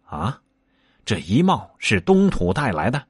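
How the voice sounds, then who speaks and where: Brash monkey disciple, male, hot-headed and shrill, with a husky edge, as a male storyteller puts him on. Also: wildly swooping pitch, unhurried, dry recording, studio quality, heavily acted. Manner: shrill yelps when in pain.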